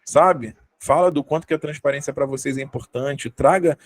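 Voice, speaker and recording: A man's voice: medium pitch, normal speed, poor audio. A young man with a Brazilian Portuguese accent giving a conversational workshop talk, full of fillers and tag questions. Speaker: workshop speaker on communication.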